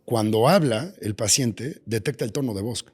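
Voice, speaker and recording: A man's voice: medium pitch, lively intonation, moderate pace, darkish tone, slightly rough. Man hosting a podcast. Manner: explanatory, with hesitant fillers. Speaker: podcast host. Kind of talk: casual podcast conversation.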